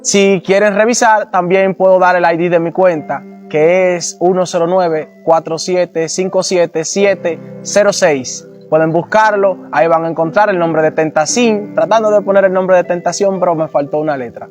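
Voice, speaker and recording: Man, high voice, earnest halting testimony, soft music behind. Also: fairly even intonation. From Dominican Republic. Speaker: testimony giver. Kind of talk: personal testimony to camera.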